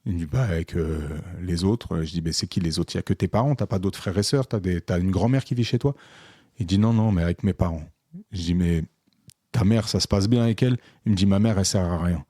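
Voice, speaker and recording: A man's voice: low voice, fairly quick, no room sound, studio quality. A man telling a long story in casual podcast chat, acting out dialogue with lots of fillers. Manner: animated, re-enacts dialogue with many fillers. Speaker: podcast co-host, photographer.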